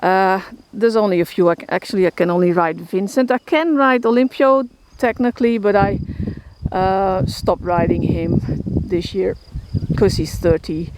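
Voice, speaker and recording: With a medium-pitched, steady voice at a moderate pace, a Dutch-accented horse shelter keeper from the Netherlands casually walks viewers through her horses in a vlog. She's out in a rural field with crickets and outdoor noise behind her, rambling with lots of fillers and restarts.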